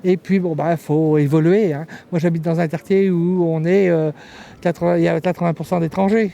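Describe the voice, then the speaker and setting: A man's voice: fairly high pitch, steady tone, fairly quick, creaky, dark tone. A man answering a street interview in a hesitant, folksy way. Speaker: festival-goer.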